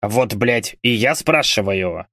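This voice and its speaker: A man voicing a gruff swearing berserker. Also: on the low side, expressive, takes it slowly, a bit bright, no room sound, studio quality, exaggerated voice. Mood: grumbling. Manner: coarse, swearing, grumbling. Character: foul-mouthed gruff male berserker, grumpy.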